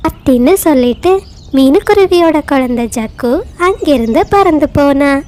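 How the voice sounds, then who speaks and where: A woman's voice: sits high, normal speed. Woman narrating a children's story. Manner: steady, storytelling.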